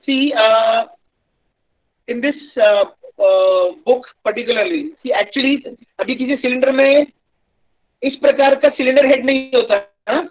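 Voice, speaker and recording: A man with a North Indian accent delivers a live online engineering lecture, his voice extremely high and rapid-fire. He explains things hesitantly and repeats himself, and the online-class audio sounds dull and lo-fi.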